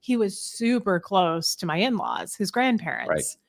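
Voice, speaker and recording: A Midwestern American woman hosts a podcast, chatting casually and candidly in a personal storytelling style. Her medium-pitched voice swings hugely in pitch, unhurried and with vocal fry.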